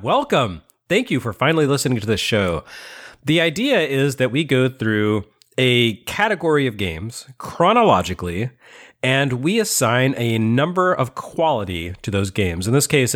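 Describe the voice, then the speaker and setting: A man hosting a podcast over a remote call, rambling cheerfully and poking fun at himself. His voice sits at an ordinary middle pitch, and he breaks into laughs often. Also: fairly bright tone. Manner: chatty, self-mocking, laughs often. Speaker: podcast host. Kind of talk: casual chat.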